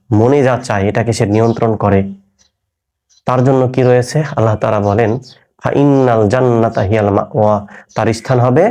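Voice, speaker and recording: A man teaching a recorded Quran reading lesson, slowly and patiently spelling out each letter sound for his students. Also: medium pitch, a little mellow.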